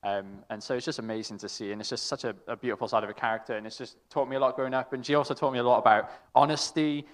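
A young man sharing a halting, affectionate story, with many restarts and laughs. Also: medium pitch, fairly even intonation. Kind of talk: casual storytelling in a tribute. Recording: long reverb in a hall.

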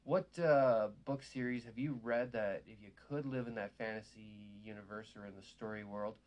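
A man's voice: lowish voice, steady tone, normal speed, darkish tone, muffled recording. Rambling man hosting a casual chat. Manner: rambling, meandering sentences.

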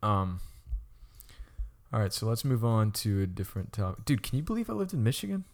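A man's voice: lowish voice, big pitch swings, brisk, a little mellow. A young man co-hosting a casual chat, rambling with lots of stammered restarts and frequent laughter. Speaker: podcast co-host.

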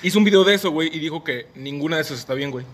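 A man's voice: on the high side, racing, a bit bright. A young Mexican man with a Mexican Spanish accent, co-hosting a podcast, laughing often and teasing in slangy chat. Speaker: podcast co-host. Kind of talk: casual podcast banter.

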